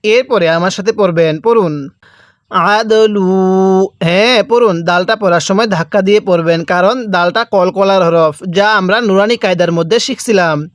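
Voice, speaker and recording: A man teaching Quran reading, drawing out each recited phrase slowly and then explaining pronunciation in plain speech, with a Bangladeshi Bengali accent. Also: high-pitched, no echo, studio quality. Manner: drawn-out chanted recitation between plain explanations. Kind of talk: slow recitation lesson with repeat-after-me drills.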